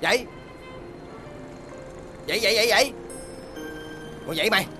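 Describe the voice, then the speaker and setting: A woman's voice: mid-range voice, expressive, bright, forceful tone, faint music behind. An actress playing a blunt young woman who scolds a drunk friend. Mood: exasperated. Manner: fast, exasperated scolding.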